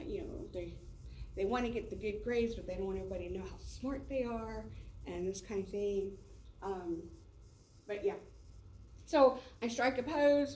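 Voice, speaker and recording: A woman teacher with a medium-pitched, somewhat dark voice chats casually with colleagues in a meeting room, loose and full of fillers, during an informal professional development talk. There's a slight hiss or hum, and the recording sounds roomy and echoey, as if picked up from a distance.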